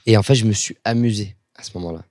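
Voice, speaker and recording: A man's voice: on the low side, quick pace, darkish tone, no echo, studio quality. A man being interviewed on a podcast, chatting casually and acting out bits of his routine while he explains them. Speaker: comedian guest.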